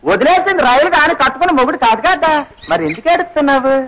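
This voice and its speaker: A shrill, busybody police constable scolds and jokes with rustic wordplay. His voice sits extremely high, and a heavy crowd roar fills the old film soundtrack behind him. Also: lively intonation, racing, rough recording. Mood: teasing, scolding. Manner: loud, teasing and scolding, full of rural wordplay. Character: nosy, joking male railway police constable. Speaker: comic railway police constable. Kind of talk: 1980s Telugu film comedy.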